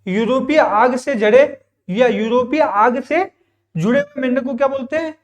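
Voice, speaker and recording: A man's voice: very high-pitched, moderate pace. A male teacher giving a classroom vocabulary lesson. He asks his own questions, answers them in a repetitive drill and explains patiently with frequent check-ins. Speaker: English teacher.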